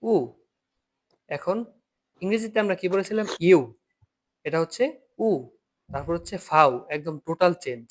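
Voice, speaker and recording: A man teaches an online German class by video call, patiently repeating each point and asking his students to read aloud. His voice sits high with a darkish tone, and he speaks at normal speed, pausing often.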